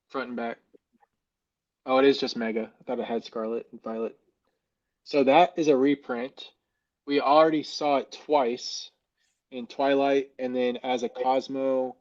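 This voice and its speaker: A man's voice: medium pitch, a little mellow. Man sounding like he's inside a fishbowl. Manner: rambling, loose, heavy on "like" fillers. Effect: hollow muffled fishbowl sound. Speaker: co-host. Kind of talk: casual chat. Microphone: external mic plugged into a phone. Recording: dull muffled phone recording.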